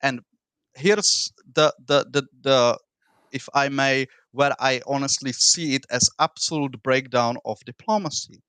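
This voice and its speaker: A man who is not a native English speaker, with a foreign accent and rolled r's, argues in an informal political debate, often halting and repeating words. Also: mid-range voice, fairly even intonation, fairly bright tone, smooth, no echo. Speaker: debate participant.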